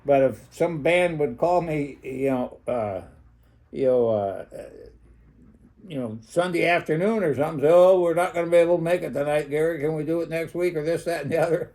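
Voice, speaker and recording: A former club owner, an older man with an American accent, shares memories in a voice on the high side with a darkish tone. He's relaxed but halting, wandering from point to point and chuckling a lot.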